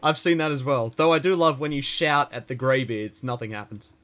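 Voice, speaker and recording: A man's voice: mid-range voice, fairly quick, fairly bright tone. A man hosting a casual gaming podcast, chatty and rambling, with fillers and self-corrections. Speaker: podcast host.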